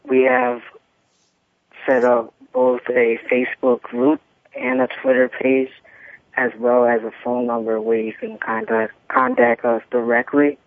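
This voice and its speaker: A woman guest giving an announcement in an interview, deliberate and spelling things out. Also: rumbling low, sing-song, vocal fry, dry recording. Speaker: guest giving contact details. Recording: narrow phone-like line.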